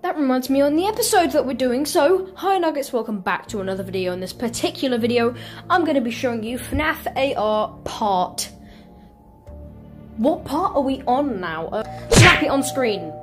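A woman playing a horror game from her bedroom, with excitable, squealing commentary and sudden yelps. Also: sits high, moderate pace. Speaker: gaming YouTuber. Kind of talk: excitable let's-play commentary. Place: home bedroom. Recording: faint game music behind.

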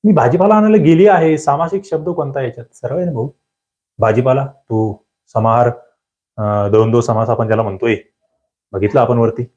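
A man giving an online exam-prep lecture, drilling grammar questions with lively, rising emphasis and questions to his students. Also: medium pitch, moderate pace, lo-fi sound.

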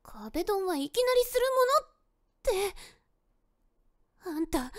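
Very high-pitched flustered tsundere girlfriend. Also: very animated, a little slow, darkish tone, full character voice. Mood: indignant, flustered. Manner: stammering, hesitant, huffy. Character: flustered tsundere teenage girlfriend, bashful and snappy. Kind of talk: boyfriend-directed situation voice drama, anime-style acting.

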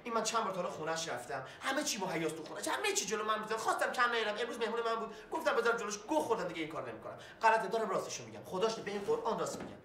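A desperate young man, pours out oaths and excuses without a pause. The voice is bright and edgy, and it rings in an echoey room. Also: sits high, lively intonation. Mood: begging. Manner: pleading, swearing oaths nonstop, rambling. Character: fast-talking desperate young man caught by the law. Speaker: young man questioned by an official. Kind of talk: film dialogue.

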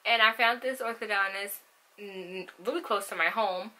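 Bright-voiced young woman talking with braces. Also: medium pitch, normal speed, rough recording. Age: young adult. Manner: chatty, animated, rambling with asides; speaks with braces on her teeth. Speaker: vlogger. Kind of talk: casual personal vlog. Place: small room at home.

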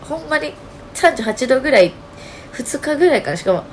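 A woman with a Kansai accent talking casually to her channel, her voice hoarse and nasal, telling her story with lots of fillers. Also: high voice, brisk, a little hiss or hum. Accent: Kansai Japanese. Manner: chatty, animated storytelling with many fillers. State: hoarse, strained voice. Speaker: channel host. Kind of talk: casual solo vlog talk.

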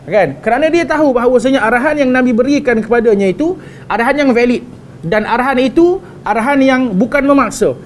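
Man, Malaysian Malay accent, religious teacher, high-pitched, conversational, mixes in English, faint background noise. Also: expressive, fast talker. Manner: conversational, frequent "kan?" tags and restarts. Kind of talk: religious talk on parenting.

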